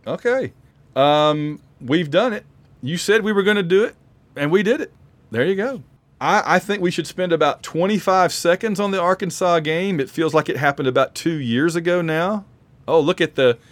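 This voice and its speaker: A man's voice: on the high side, no room sound. A man hosting a sports talk show, joking and riffing in a casual way. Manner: animated, joking, quick asides. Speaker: podcast host.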